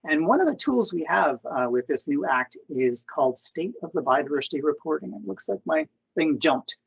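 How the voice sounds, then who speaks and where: Husky, gravelly man presenting on a video call. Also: on the high side, expressive, moderate pace. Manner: hesitant, many fillers and restarts. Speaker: government conservation presenter. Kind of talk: online information session presentation. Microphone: computer mic on video call. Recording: muffled lo-fi video call audio.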